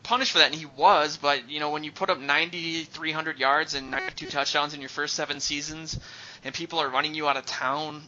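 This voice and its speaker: A man in his thirties co-hosting a sports podcast, an animated storyteller who gets loud when excited. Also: a little high, a little fast. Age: 30s. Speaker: podcast co-host. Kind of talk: casual chat. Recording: slightly dull podcast audio with faint noise.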